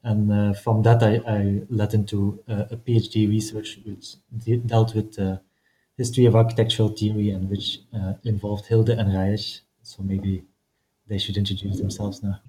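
A man's voice: on the low side, little pitch movement, normal speed, mellow, slight background noise, low-quality recording. A young man from northeast Belgium, a researcher introducing himself in an interview in a friendly way with frequent fillers. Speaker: postdoctoral researcher, interview guest. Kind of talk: casual interview answers.

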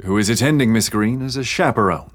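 A man voicing a troubled young gentleman scientist in an audiobook, speaking earnestly and pleadingly. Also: medium pitch, fast talker, no room sound, voice pushed up, close to an everyday voice. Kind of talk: audiobook character voice.

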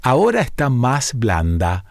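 Sly wandering tinker, stubborn and cunning, voiced by a man reading a folk tale, mid-pitched, unhurried. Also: huge pitch swings, dry recording, studio quality. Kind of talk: storytelling read-aloud.

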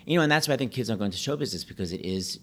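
A middle-aged man telling stories in a casual, animated chat, full of "like" and quick asides. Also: lowish voice. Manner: chatty, animated, peppered with "like".

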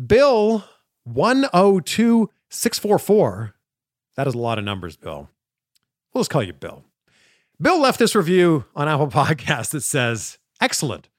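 Animated Canadian man hosting a dry-sounding podcast. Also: fairly high pitch, measured pace, dry recording. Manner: upbeat, animated. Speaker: podcast host. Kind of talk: casual interview.

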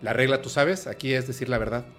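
A man hosting a podcast, telling a personal story in a halting, emotional way with many restarts. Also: medium pitch, fairly bright tone, faint music behind. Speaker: podcast host. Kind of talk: personal storytelling in a casual chat.

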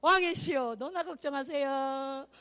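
A woman preacher voicing a calm, carefree man of faith who speaks slowly with a teasing ease. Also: high voice. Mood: serene, teasing. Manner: slow, relaxed, teasing.

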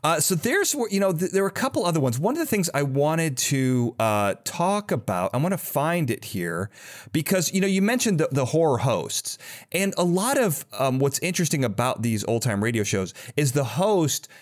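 A podcast host with a voice on the high side chats at a moderate pace, very animated and enthusiastic. His casual interview talk rambles with conversational asides.

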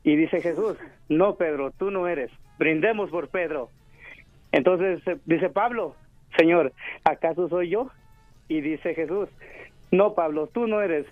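A man calling into a radio show to tell a joke, relaxed and chuckling as he talks. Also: a little high, slow pace, no room sound, soft background music. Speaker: caller. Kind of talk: telling a joke on the phone. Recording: dull dry phone line.

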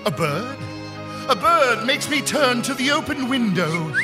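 A man's voice: very high-pitched, very animated, unhurried, over music, full character voice. An actor playing a vain, lovesick male poet on stage, declaiming florid verse in a grandiose, theatrical way. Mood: grandiloquent. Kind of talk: live stage comedy performance.

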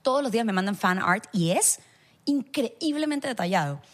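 A woman's voice: on the high side, normal speed. A woman in her thirties from Guayaquil, Ecuador, with a Guayaquil accent, telling stories as a guest on a casual podcast and dropping English words into her Spanish. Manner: animated storytelling, mixes in English words. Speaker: guest actress. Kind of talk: casual chat.

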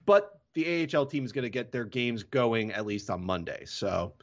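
A man's voice: mid-range voice, expressive, normal speed, lo-fi sound. A man hosting a hockey podcast in casual chat, often correcting himself mid-sentence. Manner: rambling, self-correcting.

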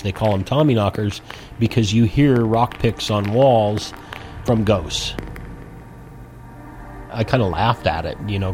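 A man recounting a personal story in a casual, plainspoken way, with soft music behind. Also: on the low side, slight background noise. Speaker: interviewee.

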